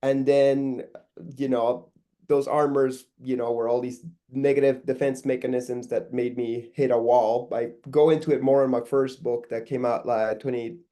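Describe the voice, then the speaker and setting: A middle-aged man from Peru, a guest artist talking casually in an interview, relaxed and rambling with many fillers and restarts. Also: mid-range voice, normal speed.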